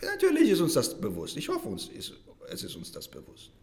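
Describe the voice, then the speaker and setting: Animated preacher man with lively pitch. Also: fairly quick. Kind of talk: sermon.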